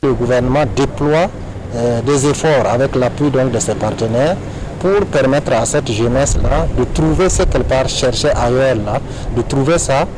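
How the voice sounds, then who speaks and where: A man's voice: mid-range voice, moderate pace. A man, a government official, giving an emphatic interview statement. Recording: distant, outdoor noise.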